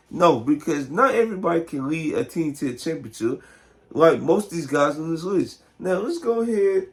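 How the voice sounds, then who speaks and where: Hoarse guy doing casual slangy basketball talk, voice a bit high, kinda lost from a sore throat. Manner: informal, slangy, talks directly to viewers. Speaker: sports video host. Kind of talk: casual basketball commentary to camera.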